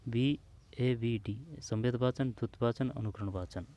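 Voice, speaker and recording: A man's voice: medium pitch, steady tone, measured pace, warm tone. A man working through old exam questions aloud, speaking informally to the listener and repeating the answer options as he checks them. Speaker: exam prep teacher.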